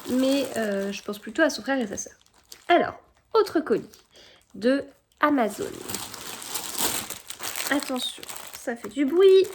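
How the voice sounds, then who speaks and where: A woman talks casually to her camera at home, in a vlog. Her voice sits a little high. She hesitates often, with many fillers and restarts. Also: animated, slow, pauses often, slight background noise. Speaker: vlogger. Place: home indoors.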